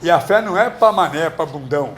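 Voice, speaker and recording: A man's voice: on the high side, animated, a little fast, slight background noise. A middle-aged man from Brazil, a pastor teaching a class in a blunt, slangy and emphatic way. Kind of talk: informal preaching in class. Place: school classroom.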